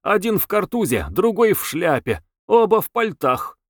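Brisk, chatty townsman, put on by a male reader, raised and hurried, audiobook. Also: sits high, very animated, dry recording, studio quality, voice pushed up. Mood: excited. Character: excited chatty townsman, bearded.

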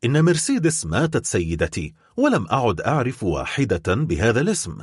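A cold, vengeful nobleman with a husky, biting edge, as a man reads him. His sarcastic delivery swings widely in pitch, recorded close and dry. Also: wildly swooping pitch, brisk, no room sound. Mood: cold bitter. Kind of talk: dramatic audiobook reading.

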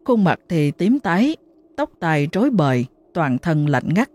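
A woman narrating a ghost story in a dramatic, expressive way. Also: fairly low pitch, measured pace, no echo.

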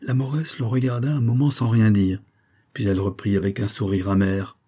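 A male narrator reading a literary audiobook with measured delivery. His voice is low, husky and warm. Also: flat delivery.

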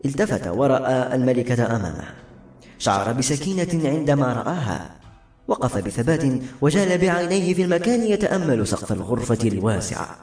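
A man narrating a novel in a steady, expressive storytelling manner. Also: medium pitch, fairly quick. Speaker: audiobook narrator. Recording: roomy echo with soft background music.

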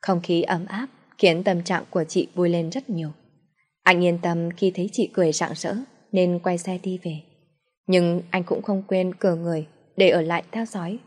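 A woman narrating a dramatic family story in a calm, measured way. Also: lowish voice.

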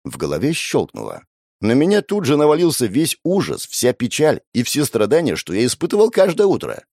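A man's voice: medium pitch, huge pitch swings, a little fast, darkish tone, no room sound. A man narrating an audiobook in the first person, with a wry, sardonic inner monologue on a close mic.

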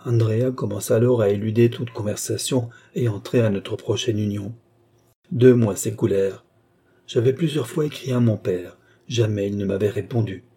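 A grieving young woman, voiced by a male audiobook reader, confides her past. The tone is mellow and soft-edged, with a husky grain. The reading stays measured and confessional throughout. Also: fairly low pitch. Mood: remorseful.

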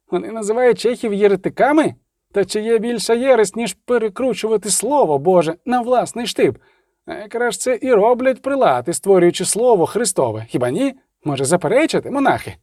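Man voicing a rabble-rousing street preacher, declaiming, high and lively, dry sound. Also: a little fast, no echo. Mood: mocking. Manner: declaiming, shouting to a crowd. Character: fiery middle-aged male street preacher, rabble-rousing.

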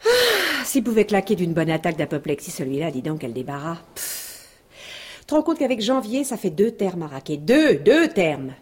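A woman's voice: fairly low pitch, wildly swooping pitch, fairly quick, breathy edge, exaggerated voice. An actress playing a brash, slangy courtesan who mocks everyone around her, in a 1980s radio drama. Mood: scornful. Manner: slangy, cackling, mocking. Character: brash mocking woman, a kept courtesan queen of Paris.

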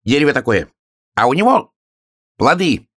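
A man's voice: big pitch swings, moderate pace, fairly bright tone, no echo, clean studio sound. A man voicing a tiny boastful frog who pretends to be a dog, talking eagerly. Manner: squeaky, eager, fibbing with confidence.

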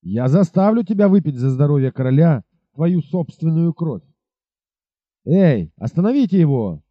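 A man's voice: a little high, animated, moderate pace, no room sound. A man reading aloud, voicing a hot-tempered, arrogant army captain who barks orders. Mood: furious. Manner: blustering, shouting orders. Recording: dull lo-fi recording.

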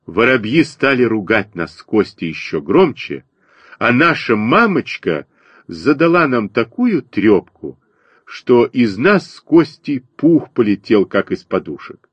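A man narrates a children's storybook with a lively voice that rises and falls. The tone is a little husky, and the recording is dry and close. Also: medium pitch, unhurried, no echo, dull audio. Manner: expressive first-person reading. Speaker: audiobook reader.

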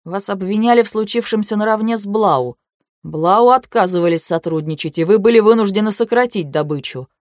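A woman voicing a shrewd young man who questions calmly and pointedly in a storybook reading. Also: medium pitch, no echo, clean studio sound, lightly acted. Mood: insinuating. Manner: measured, coolly probing.

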